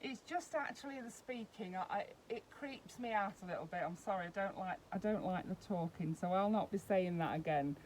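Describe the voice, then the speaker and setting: Brief: woman, doll-collector vlogger, mid pitch, chatty step-by-step demo, faint background hiss. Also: a little fast, hardly any pauses, darkish tone, low-quality recording. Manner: chatty, explains step by step while handling the doll. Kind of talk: casual unboxing demonstration.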